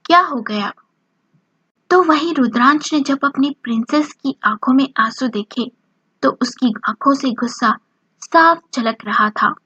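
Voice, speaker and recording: A woman narrating a romance story in a slow, even reading voice, lightly voicing the dialogue. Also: sits high, husky, no echo. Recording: dull lo-fi dry recording.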